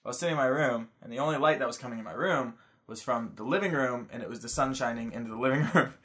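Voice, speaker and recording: A man's voice: medium pitch, fast talker, fairly bright tone. A young man on a podcast, telling a story with lots of swearing and laughter. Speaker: podcast co-host. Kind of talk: casual chat.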